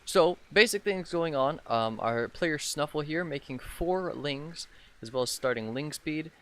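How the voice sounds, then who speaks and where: A hoarse young man, sick with a sore throat, giving casual commentary on his own strategy game match as a channel host, with lots of um fillers. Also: a little high, animated, measured pace, fairly bright tone. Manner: rambling with many "um" fillers.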